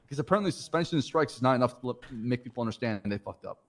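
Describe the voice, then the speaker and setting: A man's voice: mid-range voice, expressive. A man playing a police officer, talking earnestly and often stumbling over his words. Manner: earnest, halting, repeats himself. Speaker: police officer in a roleplay game. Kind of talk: in-character discussion.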